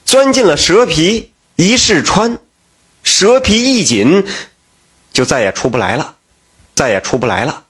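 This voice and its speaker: Husky-voiced male folk storyteller. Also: on the high side, a little slow, pauses often. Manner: lively, folksy. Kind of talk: folk tale narration.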